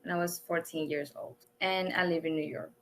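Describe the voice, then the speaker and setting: Young colombian-born woman, lowish voice, talks with lots of pauses. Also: fairly even intonation. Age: young adult. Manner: hesitant, with pauses and fillers. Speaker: college student guest.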